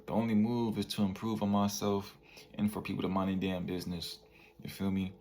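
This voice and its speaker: A young man in his twenties speaking slowly in a slightly low, gravelly voice. He talks in a loose, slang-heavy motivational monologue, tagging lines with "bro" and "you feel me". Faint room ambience sits behind him. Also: completely flat delivery, darkish tone, a little hiss or hum. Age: 20s. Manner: laid-back slang, peppers talk with "bro" and "you feel me". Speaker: vlogger.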